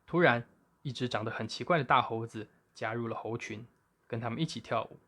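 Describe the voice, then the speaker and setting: A man narrating a children's story in a lively, expressive way. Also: medium pitch, brisk.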